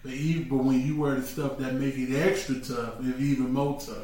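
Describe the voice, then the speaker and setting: A man co-hosting a podcast with his wife, joking and telling stories in a relaxed way. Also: medium pitch. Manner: joking, laid-back, drawn-out storytelling. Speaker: podcast co-host. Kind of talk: casual couple's chat. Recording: echoey room, mic at a distance.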